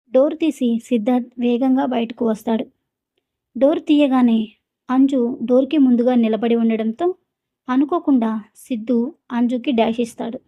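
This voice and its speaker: A woman narrating a scripted drama story in a steady, even storytelling manner. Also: a little high.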